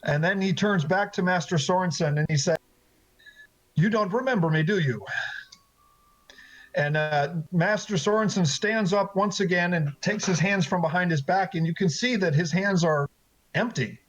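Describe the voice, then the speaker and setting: High-voiced man as game master. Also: low-quality recording. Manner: halting, many fillers and restarts. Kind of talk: narrating a tabletop game.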